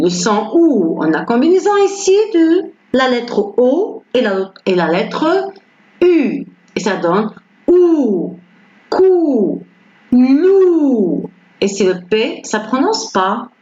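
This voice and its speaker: A woman teaching beginners French pronunciation, patiently repeating each word slowly and clearly; her first language is Arabic. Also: a little high, a little mellow. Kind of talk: slow beginner pronunciation lesson. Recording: roomy, slightly dull recording with faint ambience.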